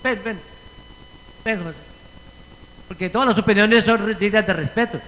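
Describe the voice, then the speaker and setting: Man, Puerto Rican accent, pastor, high voice, animated sermon, echoing church hall. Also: normal speed. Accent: Puerto Rican Spanish. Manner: animated preaching, acting out quoted voices. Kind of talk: sermon with congregation discussion. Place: church sanctuary.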